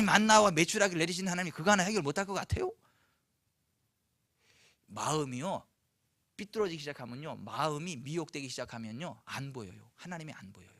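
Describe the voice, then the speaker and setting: Male pastor, high bright tense voice, emphatic sermon with rhetorical questions, dry close sound. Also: no room sound. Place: church, Friday night service.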